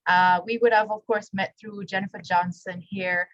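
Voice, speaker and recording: A woman's voice: mid-range voice, fairly even intonation, normal speed, dry recording. A woman hosting a radio interview, prompting her guest with encouraging remarks and frequent laughs. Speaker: radio show host. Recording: dull lo-fi radio sound.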